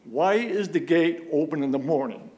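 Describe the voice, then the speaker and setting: A man's voice: a little high, animated, normal speed, a little mellow. A man speaking during public comment at a town meeting, pressing his complaint with repeated rhetorical questions. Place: town police commission meeting room.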